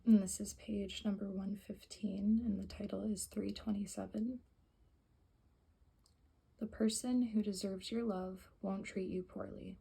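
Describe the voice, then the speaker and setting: A woman whispering softly in an ASMR style, reading aloud and rambling with self-correcting asides. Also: medium pitch, steady tone, measured pace, gravelly, husky. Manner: whispering and very soft-spoken. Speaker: ASMR creator. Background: faint music playing for plants, background hiss.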